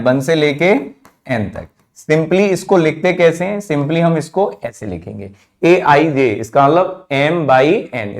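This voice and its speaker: A man teaching a math class, who keeps asking the students questions and then answers them himself, repeating the key terms. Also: on the high side. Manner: calls students "children", drops his voice at answers. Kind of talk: classroom lecture.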